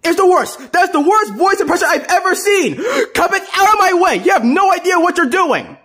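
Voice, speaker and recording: A man's voice: very high-pitched, expressive, unhurried, bright, forceful tone, full character voice. A man voicing a bossy, indignant cartoon duck in an amateur skit, squabbling emphatically.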